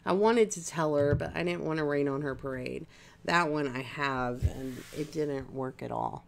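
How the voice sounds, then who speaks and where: A woman's voice: low voice, normal speed, creaky, slight background noise. A woman livestreaming while she crafts, chatting casually and rambling to her viewers with lots of fillers.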